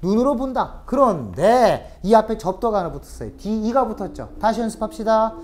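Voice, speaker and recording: A woman's voice: medium pitch, brisk. A woman lecturing on English vocabulary in Korean, teaching with rhetorical questions and repeated drills. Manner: lively, animated teaching with rhetorical questions and repetition. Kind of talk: recorded online lecture.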